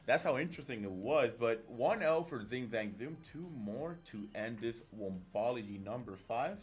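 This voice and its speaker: A man's voice: medium pitch, lively intonation, normal speed. A man giving casual live commentary on a fighting game tournament, in a chatty, rambling way that trails off and restarts. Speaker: esports commentator and tournament organizer.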